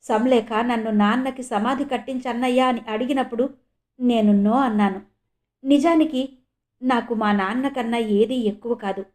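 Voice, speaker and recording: A woman's voice: on the high side, fairly even intonation, normal speed, a little mellow, close to an everyday voice. A woman voicing a proud man who has regained his ability to walk, speaking in an earnest, reflective way.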